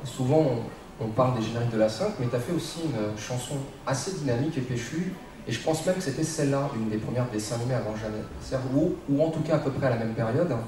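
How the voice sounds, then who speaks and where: A man's voice: medium pitch, fast talker, hardly any pauses, noisy background. A man hosting a convention panel, asking the guest singers questions with frequent restarts. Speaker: panel host, interviewer. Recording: echoey hall, distant mic.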